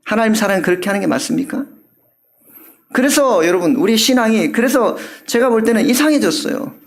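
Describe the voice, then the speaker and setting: A male pastor giving an animated sermon, often asking the congregation questions. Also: high voice, brisk, gravelly.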